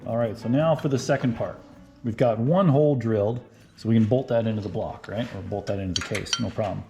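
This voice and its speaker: A man casually narrating his car fabrication work as he goes, thinking out loud and often checking in with "right?". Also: on the low side, a little fast, creaky, music in the background. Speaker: car restoration vlogger. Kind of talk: casual how-to narration while working.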